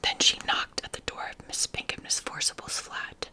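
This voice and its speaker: A woman reading a story aloud as whispered ASMR, softly and unhurriedly in short phrases. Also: normal speed. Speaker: ASMR reader.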